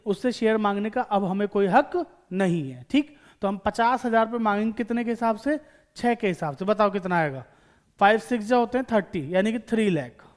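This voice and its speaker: A man's voice: high-pitched, lively intonation, a little fast. A man teaching accountancy in a lecture, explaining each step and asking and answering his own questions to the students. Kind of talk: classroom lecture.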